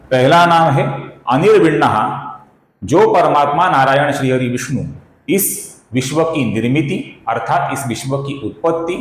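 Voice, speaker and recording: A man gives a slow, careful recitation lesson on pronouncing a Sanskrit verse, splitting words into syllables and chanting the lines. He frequently calls his viewers friends. His voice is a little high, and the room echoes.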